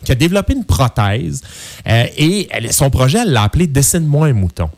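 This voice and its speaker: A man speaks with a clear Quebec French accent at a medium pitch. He sounds like a co-host in casual on-air chat, using colloquial phrasing and an enthusiastic manner. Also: sing-song, fast, darkish tone. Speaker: radio show co-host.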